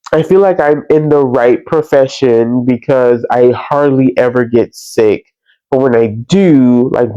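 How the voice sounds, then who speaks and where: A man chatting casually like a crafting vlogger, congested with a cold, sniffing and breathing through his mouth, in a halting, stop-and-start way. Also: medium pitch, dark tone, clean tone, no room sound. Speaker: podcast host. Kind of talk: casual crafting vlog chat. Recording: slightly dull, lo-fi sound.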